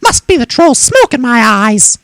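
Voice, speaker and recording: A man's voice: extremely high pitch, sing-song, unhurried, fairly bright tone, smooth, no room sound, studio quality, voice pushed up, full character voice. A man voicing an honest, polite young boy in a storybook reading, earnest and wide-eyed. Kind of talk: storybook read-aloud.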